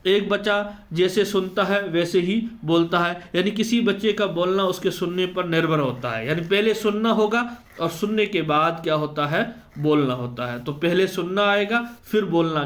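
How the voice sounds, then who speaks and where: A man giving an exam-prep lecture, who explains step by step and answers his own questions. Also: high voice. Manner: slows down to spell out letter sounds. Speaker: teacher.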